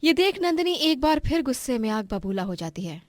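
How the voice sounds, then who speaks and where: A woman giving scripted narration of a cartoon story in an even storytelling manner. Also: sits high, fairly quick, no echo.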